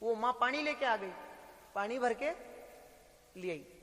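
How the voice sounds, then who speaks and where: Middle-aged male preacher, bright tense tone, repetitive sing-song delivery. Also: extremely high pitch, lively intonation, a little slow. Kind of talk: devotional sermon storytelling. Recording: long hall reverb.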